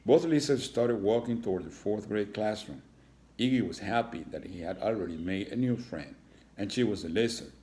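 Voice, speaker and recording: Man reader, low, storybook read-aloud, chatty asides. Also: expressive, normal speed, warm tone. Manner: adds chatty asides to listeners. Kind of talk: reading a children's story aloud.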